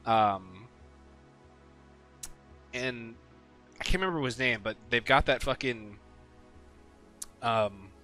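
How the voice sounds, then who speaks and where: A man's voice: mid-range voice, sharp tone. A man casually talking through his weekly game picks, rambling with lots of ums and some swearing. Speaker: sports picks video host. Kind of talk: casual solo commentary.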